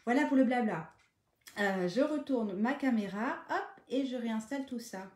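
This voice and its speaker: A woman hosting a live craft tutorial, chatting casually, greeting viewers by name and filling pauses with hesitations. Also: fairly high pitch, expressive, darkish tone. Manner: chatty, greets viewers by name mid-sentence, many fillers.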